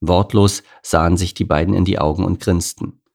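A man narrating a children's animal story as an audiobook, reading lively and expressively. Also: sits low, normal speed, vocal fry.

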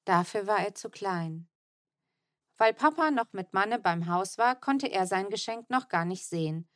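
A woman narrating a children's audiobook in an expressive, lively storytelling manner. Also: medium pitch, a little slow, no room sound, studio quality.

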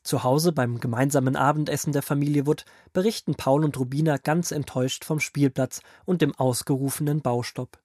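A man narrating as a grandfather figure, reading a Bible story aloud in a calm storytelling manner for a children's audio drama. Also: mid-range voice, brisk, hardly any pauses, no echo, clean studio sound, lightly acted.

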